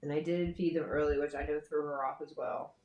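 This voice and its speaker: A woman with a hoarse, scratchy throat chatting casually and bluntly on a livestream, swearing freely and rambling. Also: sits low, fairly even intonation, brisk, a little mellow, reverberant, highs cut off. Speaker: co-host on a livestream. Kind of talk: casual chat.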